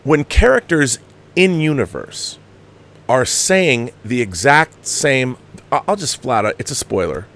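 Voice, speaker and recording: A film review show host delivers opinionated commentary conversationally, his somewhat bright voice swinging widely in pitch as he drives his points home. He's expressive and a little slow, restarting and repeating phrases with exasperated emphasis.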